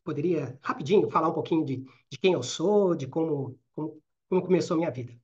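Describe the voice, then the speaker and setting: Middle-aged Minas Gerais man as trainer in a live online session: rapid, informal, checking in with the audience, muffled lo-fi sound. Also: fairly high pitch, a little mellow. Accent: Minas Gerais Portuguese. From Brazil. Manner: talks fast, with frequent "né?" and "certo?" tags. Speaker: career and networking trainer. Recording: slightly dull lo-fi audio.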